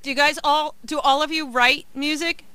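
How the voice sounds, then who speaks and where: A woman's voice: high voice, steady tone, moderate pace, pushed and bright, no room sound. A woman hosting a casual radio interview, chatty and upbeat, with plenty of filler words. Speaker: radio host. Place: radio studio.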